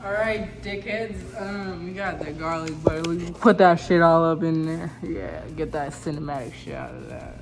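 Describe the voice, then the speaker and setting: Cooking livestream host, casual crude banter, profane teasing, repeated stammered openings, medium pitch, loud music and sizzling pan behind. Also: very animated, moderate pace, hardly any pauses. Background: music, food frying.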